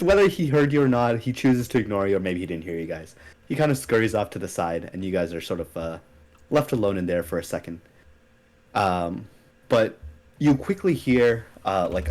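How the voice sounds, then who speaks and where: Young man game master, casual and halting. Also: low-pitched, a little mellow. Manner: casual, halting, many fillers. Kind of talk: narrating a tabletop game.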